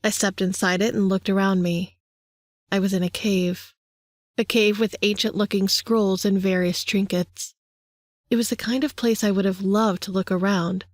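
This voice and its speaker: Measured woman audiobook narrator. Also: medium pitch, no echo, clean studio sound. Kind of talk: scripted narration.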